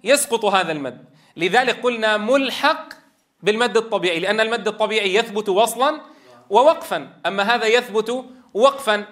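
A man with a high, slightly bright voice teaches a tajweed lesson on Quran recitation. He explains patiently, repeats key phrases and draws out vowels to demonstrate.

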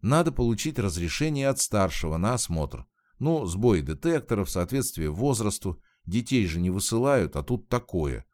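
A man reading aloud, voicing a frightened young woman who is near tears, raising his low voice as she pleads in a halting way. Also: very animated, darkish tone. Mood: urgent.

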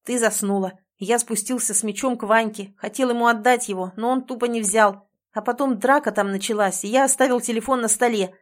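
A woman's voice: on the high side, fairly even intonation, fairly quick, natural voice. A woman reading an audiobook and voicing a young man who insists and pleads heatedly with his girlfriend. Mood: heated, pleading.

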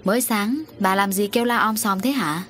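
A woman voicing an older father who is gruff and scolding, with an exasperated manner. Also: medium pitch, normal speed, fairly bright tone, a little hiss or hum, lightly acted. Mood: irritated.

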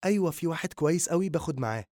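A man voicing a shy, caring teenage girl with an Egyptian accent, speaking softly and sincerely in an audiobook reading. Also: a little high, lively intonation, racing, no echo, clean studio sound, pitched above the performer's own voice, close to an everyday voice. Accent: Egyptian Arabic.

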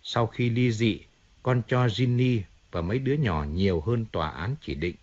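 A man's voice: fairly low pitch, animated, normal speed, a little mellow, highs cut off. A man reading a whining, self-pitying singer. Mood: pleading. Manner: complaining, emotional, pleading. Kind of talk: audiobook character reading.

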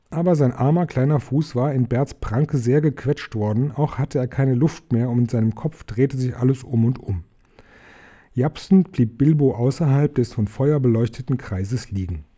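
Male storybook reader, calm and measured, very dark mellow tone. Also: medium pitch, husky. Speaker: audiobook reader. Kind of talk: storybook reading.

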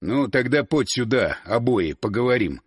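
A gruff, stern middle-aged father with a dry wit, voiced by a male narrator. He drops well below the reader's usual pitch and talks in clipped orders, recorded dry and close. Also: animated, moderate pace, dry recording.

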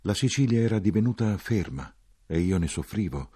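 Low husky guy reading a novel aloud, lively grave delivery. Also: no room sound, clean studio sound. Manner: measured, grave, expressive. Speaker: audiobook narrator. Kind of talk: literary audiobook narration.

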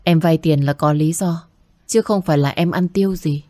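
A woman voicing a humble young medical student who speaks politely and pleads softly, recorded dry. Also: low-pitched, normal speed, no room sound, lightly acted. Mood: pleading.

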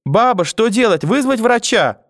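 A man's voice: high-pitched, lively intonation, moderate pace, no room sound, clean studio sound, voice pushed up. A man voicing a frightened young boy who pleads in panic with his grandmother.

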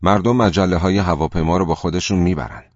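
A man's voice: sits low, dry recording, lo-fi sound. A male narrator voicing a chatty woman passenger on a plane who keeps talking without getting a reply. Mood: chatty insistent. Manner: insistent, talks on without a reply.

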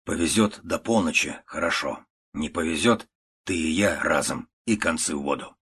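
A stern, unshakable old uncle , as a man reads him out in a storybook. He speaks in curt, clipped phrases, low and husky. Quiet and level throughout. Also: moderate pace, full character voice. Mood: stern, calm. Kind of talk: storybook reading.

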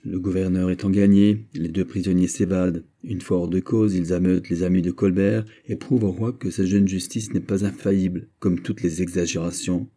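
A man reading aloud, voicing an earnest courtier who reasons in a measured way. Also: low-pitched, fairly even intonation, mellow. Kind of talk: audiobook character reading.

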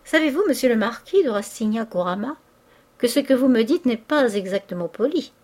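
A woman's voice: fairly high pitch, expressive, brisk, a little mellow. A woman reading an audiobook voices a sardonic man of forty, mocking, swaggering and coolly menacing.

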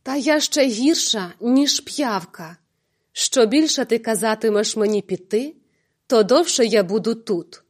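A woman's voice: fairly high pitch, lively intonation, measured pace, slightly rough. A woman reading an audiobook, voicing a drunk, spiteful male neighbor with a jeering, quarrelsome manner. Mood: scornful.

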